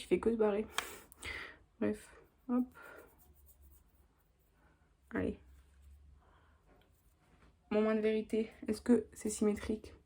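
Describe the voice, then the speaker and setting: This young woman, a beauty vlogger, keeps up a chatty stream of talk while applying makeup in a tutorial, with frequent little "hop"s. Her voice is mid-range and mellow, edged with breathiness.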